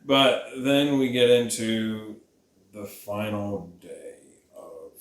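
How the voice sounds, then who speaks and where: A man's voice: fairly low pitch, slow, echoey room. A tipsy man from Mississippi rambling profanely about a movie with his girlfriend, often laughing. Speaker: video host. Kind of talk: drunk casual movie chat.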